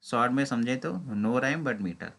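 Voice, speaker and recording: Slowly reading English exam questions and explaining them in Hindi, the man speaks in a mid-range, fairly bright voice with an Indian accent. The session is exam preparation.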